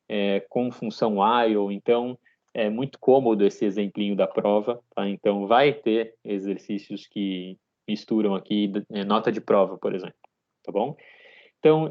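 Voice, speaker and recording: A man in his thirties leads a live online programming class, explaining each step patiently and tagging his sentences with a checking "tá?". His voice sits at a middle pitch. The call audio is dull and lo-fi. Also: darkish tone. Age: 30s. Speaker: programming teacher.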